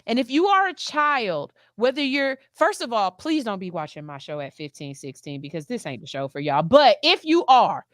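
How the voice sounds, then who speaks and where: A woman's voice: a little high, very animated, moderate pace, hardly any pauses, no echo, clean studio sound. A woman in her forties hosting a talk show, speaking earnestly and emphatically, often repeating herself. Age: 40s. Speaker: host. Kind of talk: heartfelt talk-show monologue.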